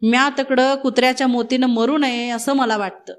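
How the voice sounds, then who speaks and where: A woman's voice: sits high, steady tone, moderate pace, natural voice. A woman reading the part of an anxious village man pleading in rustic dialect.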